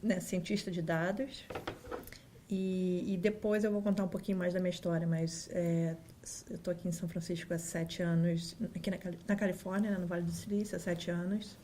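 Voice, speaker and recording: Her voice is on the low side and warm, with a flat delivery and a brisk pace, plus slight background noise. She's a guest in an office, a data scientist from Rio de Janeiro, Brazil, with a Carioca Brazilian Portuguese accent, chattily telling her story in a casual interview, full of fillers, restarts and acted-out quotes.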